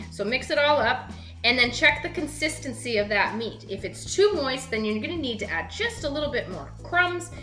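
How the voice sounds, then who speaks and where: Chatty high-voiced woman cooking at home. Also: pushed and bright. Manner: chatty, upbeat, talks straight to the viewer. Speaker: cooking show host. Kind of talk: casual cooking demonstration. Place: home kitchen, indoors. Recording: roomy kitchen with music behind.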